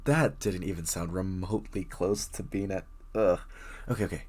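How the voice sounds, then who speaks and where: In an intimate roleplay audio drama, a man plays a very shy, bookish young stranger, stammering, rambling and apologising nervously to the listener. His voice is low and darkish, with fairly even intonation and a normal pace, and he sounds flustered.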